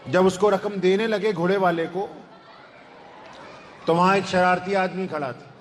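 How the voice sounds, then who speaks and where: A man's voice: high-pitched, fairly even intonation, some chatter behind, a little hiss or hum. A man with a Punjabi accent preaching a sermon at a shrine, telling a story with fervent, rising emphasis. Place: large shrine courtyard. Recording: long hall reverb, faint ambience.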